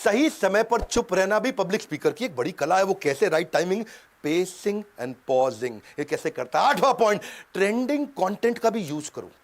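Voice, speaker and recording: A middle-aged man giving an energetic seminar talk as a motivational business coach, punchy and rhythmic, switching suddenly between loud bursts and hushed lines. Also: high-pitched, a little fast. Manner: mimics voices and sound effects. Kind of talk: energetic Hindi seminar talk mixed with English.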